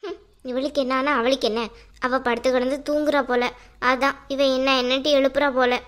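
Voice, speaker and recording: A woman voicing a sharp-tongued older sister in a cartoon who mutters and grumbles in a lower voice. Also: level tone, brisk. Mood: grumbling.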